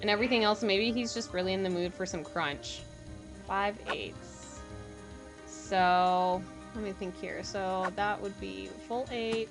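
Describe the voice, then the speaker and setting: A woman's voice: mid-range voice, measured pace, over music. A woman game streamer giving casual live commentary, informal and thinking aloud as she plays.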